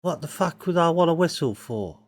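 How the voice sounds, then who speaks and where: A man's voice: a little high, expressive, fairly quick, darkish tone, voice pushed up. A man voicing a cocky six-year-old boy haggler with blustering, stammering sales patter. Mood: haggling.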